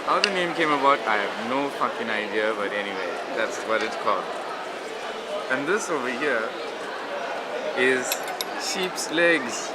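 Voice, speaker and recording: A man's voice: medium pitch, animated, a little slow, long pauses, very noisy. A man chatting casually as a local guide, joking and irreverent. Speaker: couch surfing host and local guide. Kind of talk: casual chat.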